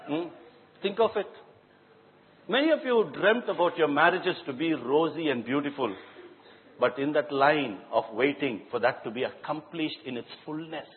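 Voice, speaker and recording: A male preacher giving a sermon, telling a story dramatically and swinging between loud and soft delivery. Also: fairly high pitch. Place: church hall. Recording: tinny phone-like sound in a hall with long reverb.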